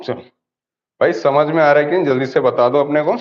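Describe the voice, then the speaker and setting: A man's voice: on the high side, steady tone, fairly quick. A man teaching English grammar in an online class, asking questions and answering them himself over and over. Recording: dull lo-fi audio.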